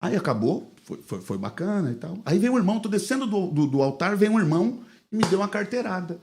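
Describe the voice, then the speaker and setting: A man with a Brazilian Portuguese accent, a pastor telling a lively anecdote on a podcast and acting out the quoted dialogue. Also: sits high, quick pace. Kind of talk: casual podcast storytelling.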